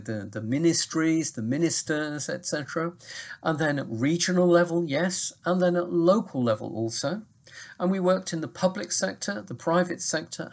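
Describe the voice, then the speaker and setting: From his home study, a university English teacher from Manchester, England records a lecture for his students, speaking in a measured, explanatory way full of lists. His voice is a little high, picked up by a webcam at his desk.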